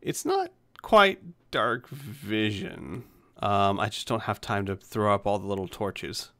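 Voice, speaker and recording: A man's voice: lowish voice, sing-song, takes it slowly, sharp tone. A man acting as game master, narrating a tabletop game and chatting casually with the players.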